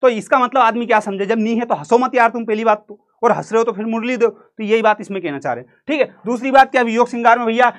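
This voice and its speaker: Talking fast with few pauses, a man with a very high voice runs a jokey exam-prep literature lesson. His accent is central Indian Hindi, and he acts out quotes and sings snippets for fun.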